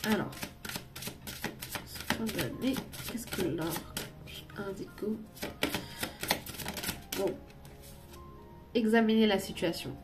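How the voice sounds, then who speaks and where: A woman's voice: medium pitch, slow pace, pauses often, music in the background. A woman doing a casual tarot and oracle card reading, rambling and laughing often, tossing in English words now and then.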